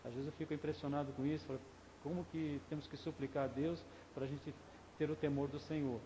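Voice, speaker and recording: A male pastor with a Brazilian Portuguese accent preaches a conversational sermon in a church sanctuary, often putting questions to the congregation. His voice is a little high with little pitch movement and a quick pace. The echoey church hall adds faint ambience and background noise.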